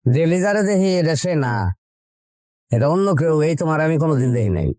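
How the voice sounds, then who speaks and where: A man's voice: a little high, lively intonation, dark tone, no room sound, clean studio sound, natural voice. A man playing an upset village husband. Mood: stunned. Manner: reproachful and fast-talking.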